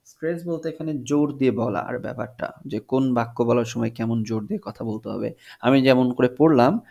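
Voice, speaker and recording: A man teaches an English lesson in a gravelly voice. He reads each English line slowly and then explains it in Bengali. His pitch sits in an ordinary middle range. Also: a little mellow, highs cut off. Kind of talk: video lesson explaining a textbook.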